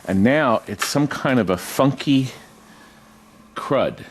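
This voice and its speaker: A chatty man hosts a casual tour vlog, rambling along with jokey asides. His pitch jumps around in an animated way at a middling register. A faint noise sits behind his voice. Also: slow. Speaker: host giving a video tour of his arcade business. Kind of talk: casual walk-through vlog chat. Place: indoors in an arcade game warehouse.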